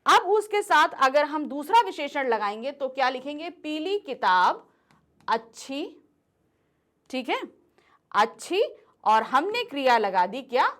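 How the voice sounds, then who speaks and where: Woman, grammar teacher, high bright voice, questions and answers herself, keeps checking in. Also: very animated, a little slow. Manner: checks in often with "ठीक है?". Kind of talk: classroom grammar lesson.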